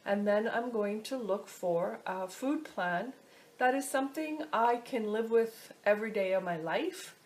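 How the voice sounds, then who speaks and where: A woman casually teaching a step-by-step technique, often pausing to search for her words. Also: mid-range voice, animated, darkish tone. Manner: halting, searching for words as she explains. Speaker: instructor teaching a pendulum technique. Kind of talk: casual instructional video talk.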